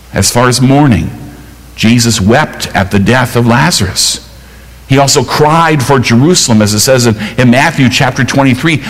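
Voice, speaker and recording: A man preaching a sermon in an earnest, measured way, quoting scripture as he goes. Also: medium pitch, fairly bright tone, in a large hall, rough recording. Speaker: pastor.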